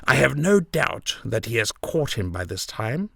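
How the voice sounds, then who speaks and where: A man's voice: medium pitch, big pitch swings, a little slow, fairly bright tone, no room sound. A man voicing a boastful, self-satisfied police detective in an audiobook, with a gleeful, bragging manner. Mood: gloating. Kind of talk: audiobook character voice.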